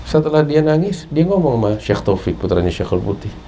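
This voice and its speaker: A man's voice: on the high side, big pitch swings, fairly quick, mellow, a little hiss or hum, poor audio. A man with an Indonesian accent giving an Islamic study sermon, telling a story and rising to emphatic peaks. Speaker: religious teacher.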